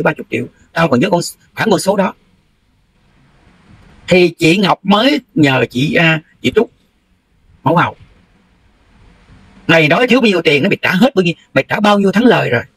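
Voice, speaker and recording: A man's voice: sits high, fairly bright tone, husky, poor audio. A middle-aged man with a Southern Vietnamese accent, delivering a heated, confrontational livestream rant and scolding someone bluntly. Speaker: livestream host.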